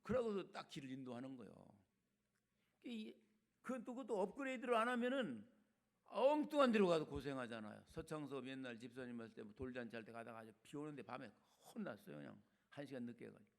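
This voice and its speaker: An older man preaching a sermon as a retired senior pastor, colloquial and chatty, swinging between loud emphatic lines and quiet asides. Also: medium pitch, big pitch swings, quick pace, vocal fry.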